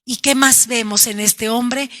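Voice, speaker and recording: A woman's voice: fairly high pitch, fairly even intonation, measured pace. A woman pastor, preaching a sermon to her congregation with emphatic delivery. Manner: preaching emphatically, calling out lines as shouts; addresses congregation as brothers and sisters. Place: church.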